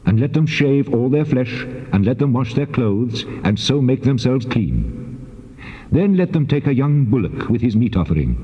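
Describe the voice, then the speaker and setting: A man playing the Lord God in a dramatized scripture reading, giving measured, solemn commands. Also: medium pitch, natural voice. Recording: reverberant hall effect, dull old cassette.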